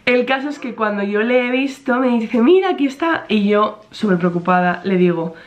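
A woman's voice: medium pitch, fairly even intonation, moderate pace. A young pregnant woman chatting casually to camera, rambling with many fillers. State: pregnant, in some pain. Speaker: vlogger.

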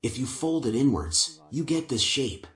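An older man explains each step of assembling a wooden piece in a calm, methodical way. His voice sits in a middle register and carries a noticeable room echo from the workshop around him. He speaks on a lapel mic. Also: mid-range voice, moderate pace. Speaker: woodworking instructor. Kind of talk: step-by-step craft instruction. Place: indoor woodworking workshop.

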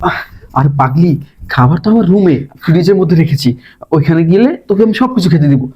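A man playing a fast-talking, coaxing schemer. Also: fairly high pitch, lively intonation, lightly acted, low-quality recording. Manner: coaxing, insistent and hushed. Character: scheming young man luring a madwoman.

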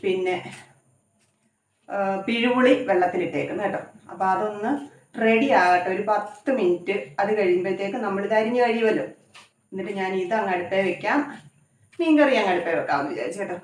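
A woman's voice: mid-range voice, lively intonation, brisk, long pauses. Woman, home cooking vlog, rambling chatty talk, phone some way off, roomy echo. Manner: rambling, conversational, often adds tag questions. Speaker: cooking vlogger. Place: home kitchen. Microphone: phone camera some distance away. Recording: echoey room, voice from far off.

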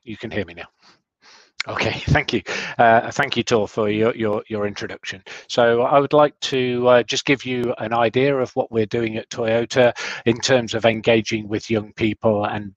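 Man, video call, corporate talk, low voice, dry sound, measured with restarts. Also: no room sound, dull audio. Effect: heard over a video call. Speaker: corporate speaker. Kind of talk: webinar presentation.

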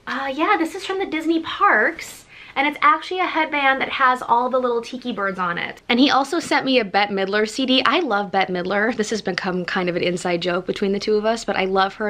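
A woman vlogger, excitedly opening fan mail and gushing over each gift in a casual chat. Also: mid-range voice.

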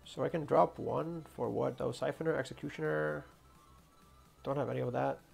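A man streaming a strategy game, thinking aloud about his moves in low mutters with sudden excited outbursts. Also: gravelly, faint music behind. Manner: mutters plans to himself, quick bursts of surprise. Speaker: gaming streamer. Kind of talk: gameplay commentary, thinking aloud.

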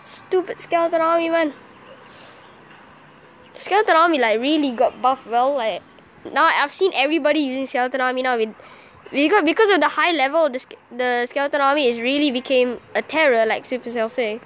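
A woman giving live gameplay commentary as a channel host, excitable and quick to exclaim and groan at each play. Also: high voice, slight background noise.

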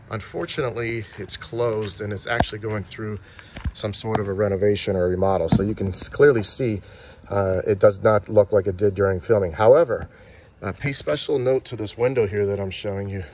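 A man with a lowish voice speaks at a normal speed as he films a handheld tour of filming locations outdoors and at small-town shop windows. He chats casually, points out details, and frequently starts his sentences over, all against a noisy background.

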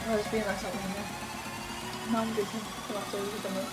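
Cooking in her small bedroom, a teenage girl chats casually for her vlog, rambling and mumbling at a quick pace in a flat, medium-pitched voice. The close-up camera mic also catches loud music playing under her speech.

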